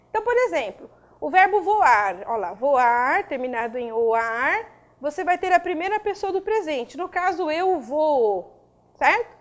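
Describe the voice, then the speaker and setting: A woman teaching a recorded grammar lesson, spelling out rules and checking in with listeners as she goes. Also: high-pitched. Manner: didactic, checks in with frequent tags.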